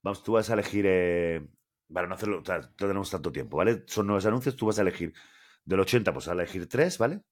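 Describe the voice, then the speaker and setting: A man's voice: low-pitched, fast talker. A man with a Spanish accent from Spain, co-hosting a casual podcast and running a playful quiz, reading ad copy aloud.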